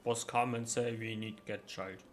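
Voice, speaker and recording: A man voicing a big dim-witted, grudging ogre in a tabletop game, speaking in slow, halting broken sentences. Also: on the low side, steady tone, slight background noise, natural voice. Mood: wary, simple. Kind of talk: tabletop role-play character voice.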